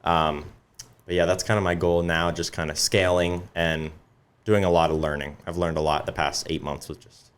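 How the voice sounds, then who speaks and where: A young man with a very low voice talks casually as a podcast guest. He is relaxed and loose, and he fills his sentences with ums and likes. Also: moderate pace, smooth. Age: young adult. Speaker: guest business owner. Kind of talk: casual interview talk.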